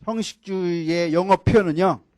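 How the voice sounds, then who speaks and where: A man's voice: sits high, normal speed, a little mellow, dry recording. An older man, a professor from Chungcheong, giving a classroom lecture. He keeps asking the class questions and repeats key words. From Chungcheong, Korea.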